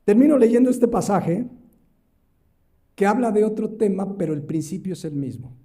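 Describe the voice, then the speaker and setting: A man's voice: high-pitched, expressive, moderate pace, mellow. A male pastor preaching a sermon, emphatic, rising and dropping his voice for stress and acting out quoted speech. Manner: acts out quoted voices in the parable.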